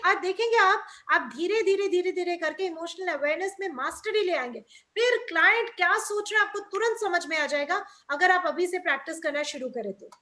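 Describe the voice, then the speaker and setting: A woman's voice: very high-pitched, bright, forceful tone. A woman trainer giving an enthusiastic, upbeat webinar talk over a video call.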